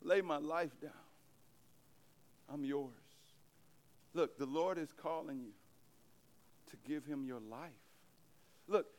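A man's voice: a little high, darkish tone, clean tone. A man preaching a sermon at a church service, emphatic and repetitive as he addresses the congregation. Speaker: pastor.

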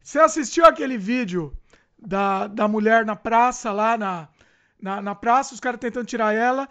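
High-voiced host. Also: male voice, moderate pace, fairly bright tone, highs cut off. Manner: short prompts and agreeing interjections. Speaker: podcast host. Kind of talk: casual podcast conversation.

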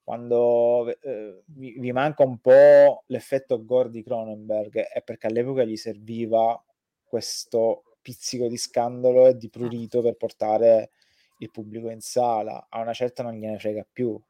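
A man's voice: mid-range voice, level tone, unhurried, warm tone, no echo. A man in a casual, opinionated film chat, speaking vehemently and sarcastically and swearing freely. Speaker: podcast co-host.

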